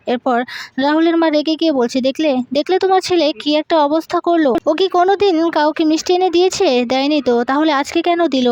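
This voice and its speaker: A woman's voice: sits high, no echo. A woman retelling a TV serial episode in plain storytelling, reading every character's lines in her own voice with little change and the odd filler.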